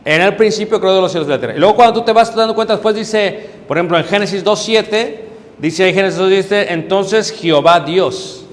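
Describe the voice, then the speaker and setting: A middle-aged man, a preacher, teaching a Bible class, explaining step by step, checking in with his listeners and pausing on hesitant fillers. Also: high-pitched. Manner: hesitant fillers while searching for words. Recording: reverberant hall with faint background noise.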